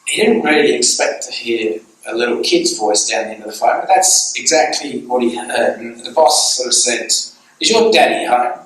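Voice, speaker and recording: A man's voice: mid-range voice, normal speed, hardly any pauses, fairly bright tone. An Australian man giving an earnest, conversational guest talk at a church, telling stories. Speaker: guest speaker. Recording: echoey church hall, far from mic.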